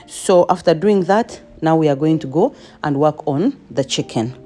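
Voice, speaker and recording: A woman's voice: low voice, moderate pace, dark tone, faint music behind. A woman home cook giving a chatty cooking voice-over with playful asides.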